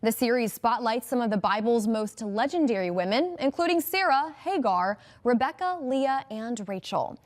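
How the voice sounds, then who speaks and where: Female TV anchor, slightly high-pitched, brisk and upbeat scripted delivery. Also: lively intonation. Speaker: news anchor. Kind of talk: scripted news reading.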